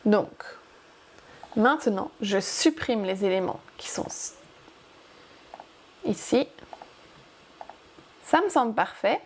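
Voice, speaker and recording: A woman's voice: medium pitch, animated, slow pace, pauses often, a little hiss or hum. A woman hosting a casual crafting tutorial, chatty and upbeat as she guides viewers step by step. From France.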